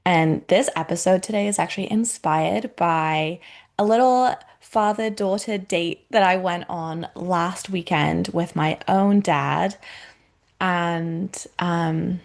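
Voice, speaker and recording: A woman's voice: fairly low pitch, slow pace, creaky. A woman in her thirties hosting a podcast, talking in a chatty, reflective way with lots of fillers. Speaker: podcast host. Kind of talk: casual solo podcast talk.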